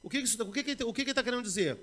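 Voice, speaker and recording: Male preacher, from Brazil, high voice, loud bursts and hushed asides, sermon. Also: lively intonation, racing. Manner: dramatic swings between loud bursts and low murmurs; acts out everyday quotes in conversational asides.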